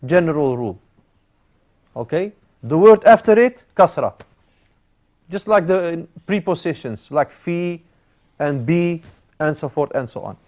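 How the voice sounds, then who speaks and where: A man's voice: on the high side, expressive, measured pace, long pauses, darkish tone. A man teaching an Arabic grammar class, explaining step by step with frequent "uh" fillers and Arabic terms mixed in. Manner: explains step by step, repeating key words.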